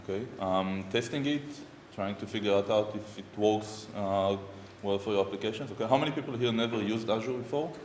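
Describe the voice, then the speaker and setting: A man in his thirties with an Israeli accent gives an informal technical talk in a conference room with a projector screen, peppering it with ums and uhs. His voice is fairly low and a little fast. Picked up by a far room mic, the sound is echoey and distant, with slight background noise.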